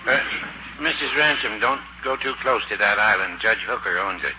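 A man's voice: fairly low pitch, expressive, normal speed, close to an everyday voice. An actor playing a dry, mild, folksy townsman in old radio comedy style. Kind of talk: 1940s radio comedy acting. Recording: muffled, very noisy old radio recording.

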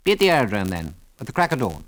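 A man's voice: on the low side, huge pitch swings, very fast, smooth. A man voicing a confident male pilot in an audiobook, with clipped, decisive delivery. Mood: brisk. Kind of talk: audiobook character voice.

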